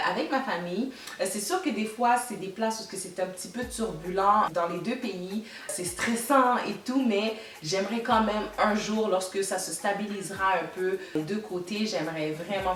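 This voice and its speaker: A Canadian vlogger in her thirties with a Québécois French accent chats casually to the camera in a mid-range voice, repeating words for emphasis. She sounds distant, recorded in an echoey room.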